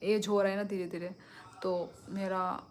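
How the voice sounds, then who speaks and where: Middle-aged woman, unhurried livestream chat, phone mic at home. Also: medium pitch, flat delivery, darkish tone, a little hiss or hum. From Tripura, India. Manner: slow, easygoing, answers viewers one by one. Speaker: livestream host. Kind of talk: casual live chat reading comments. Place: home at night.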